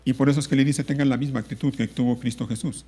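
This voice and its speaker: A man's voice: mid-range voice, fairly even intonation, fast talker, warm tone, breathy edge, in a large hall. A man preaching a sermon as pastor, speaking with emphatic repetition and drawing out key words. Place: church.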